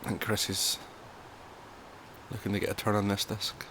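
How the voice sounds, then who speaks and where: A man's voice: lowish voice, flat delivery, moderate pace, fairly bright tone, slight background noise. A man giving conversational golf-style commentary as a co-commentator at a disc golf tournament.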